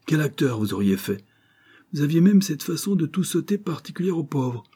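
Brief: a man playing a brisk police inspector, louder and higher, husky, storybook reading. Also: big pitch swings. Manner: blunt, brisk. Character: blunt hearty male police inspector.

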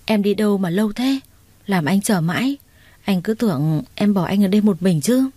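A woman's voice: medium pitch, lively intonation, moderate pace, warm tone, no room sound, lightly acted. Woman reading the lines of a pleading remorseful young man. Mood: eager. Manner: pleading, clingy.

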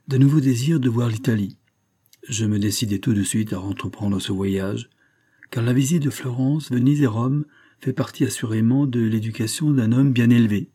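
A man narrating a classic story as an audiobook in a measured literary manner. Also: lowish voice, mellow, slightly rough.

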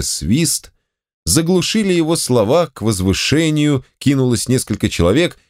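A man's voice: medium pitch, a little mellow, dry recording, studio quality. A man reading an audiobook aloud, narrating expressively and moving between character voices. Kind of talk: scripted narration.

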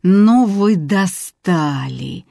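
A woman puts on a boorish older male police duty officer in an audiobook, barking orders in a slow, heavy drawl. The voice sits low and warm, close and dry. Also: expressive, no room sound. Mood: yelling.

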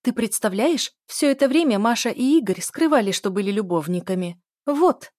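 A woman reading aloud, voicing a jealous pregnant young sister who is shrill and on the edge of hysteria. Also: animated, normal speed, a little mellow, no echo, clean studio sound, lightly acted. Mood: hysterical, accusing. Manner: shrill, accusing, near hysteria.

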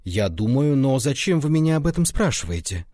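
An alarmed young nobleman in a spoken storybook, pressing with urgent, exclaimed questions, as a male reader acts him out. The voice is husky and lively in pitch, recorded close and dry. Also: a little fast, no echo.

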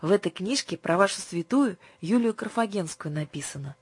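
A woman reading an audiobook, voicing an earnest young male seminary student who sells books and speaks in a gently instructive way. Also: mid-range voice, animated, moderate pace, husky, dry recording, pitched above the performer's own voice. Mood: kindly.

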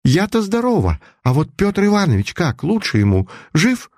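A man reading the lines of an anxious young woman in a storybook, his voice lifting higher. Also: lively intonation, moderate pace, a little mellow, no echo, clean studio sound.

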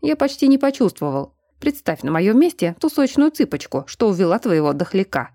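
Woman reading a brash male bear shifter, teasing, bossy, mellow tone, dry audiobook sound. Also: mid-range voice, very animated, a little fast, no echo.

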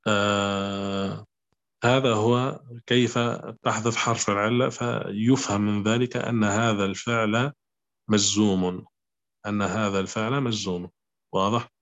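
A man teaching a grammar lesson, speaking slowly and repeating his examples, often checking with the class whether it is clear. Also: lowish voice, fairly even intonation, a bit bright. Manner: slow, repetitive, asks "clear?" often. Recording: dull lo-fi recording.

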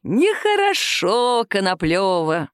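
A woman voicing a calm, caustic male police captain who questions a suspect slowly in an audiobook. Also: on the high side, no room sound. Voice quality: nagging, dry. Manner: slow, calm, measured interrogation.

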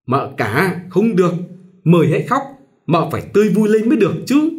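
A man's voice: sits high, sing-song, a little fast, pitched above the performer's own voice. A man voicing a domineering, superstitious old mother-in-law who scolds and lectures. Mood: scolding. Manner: scolding, bossy and pushy.

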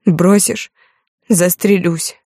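A woman reading an audiobook, voicing a jealous, hysterical young wife in a raised, shrill voice. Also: fairly even intonation, drawn-out words, dark tone, no room sound, studio quality, exaggerated voice. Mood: furious.

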